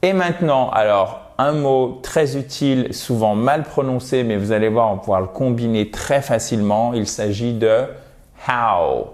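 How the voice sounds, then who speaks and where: A man's voice: mid-range voice, normal speed, hardly any pauses, darkish tone. A man teaching English to French speakers in a video lesson, explaining patiently and playfully exaggerating example pronunciations.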